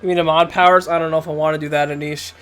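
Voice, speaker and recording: Playing a video game on Twitch, a streamer rambles casually and chattily to the chat, laughing often. The voice is nasal and cold-stuffed yet clear and resonant, mid-pitched and fairly bright, with a flat, rapid-fire delivery.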